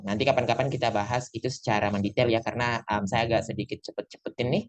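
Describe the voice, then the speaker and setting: A man's voice: medium pitch, steady tone, fast. A male tutor gives an online English lesson over a video call. He talks in a chatty way and drops English phrases into his explanations. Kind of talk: online class lecture. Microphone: computer mic on a video call.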